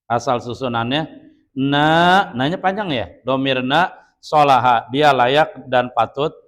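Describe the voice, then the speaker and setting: A man with an Indonesian accent teaching Arabic grammar to a class, quizzing students and slowly repeating key terms. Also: mid-range voice, fairly bright tone. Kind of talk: classroom lesson. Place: Islamic boarding school classroom.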